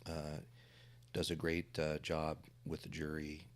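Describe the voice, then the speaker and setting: A man, a defense trial lawyer, talking on a podcast panel in a halting way with many fillers. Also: rumbling low, completely flat delivery.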